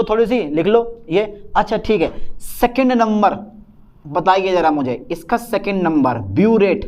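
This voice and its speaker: Male chemistry tutor with a high voice, casual and chatty, playing both teacher and student in a slightly dull, lo-fi recording. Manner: lively, plays both teacher and student in a back-and-forth. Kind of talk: casual Hindi classroom lecture.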